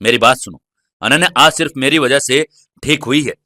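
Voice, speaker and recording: A scheming, sharp-tongued middle-aged mother, as a male narrator voices her in an audio story, curt and cutting. The voice stays bright and is recorded dry. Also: medium pitch, a little fast, dry recording, natural voice.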